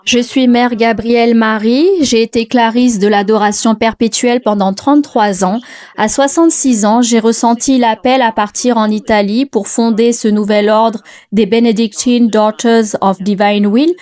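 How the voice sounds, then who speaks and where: An older woman, a religious sister, introducing herself in a calm, steady way. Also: fairly high pitch, normal speed. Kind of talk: conversational self-introduction.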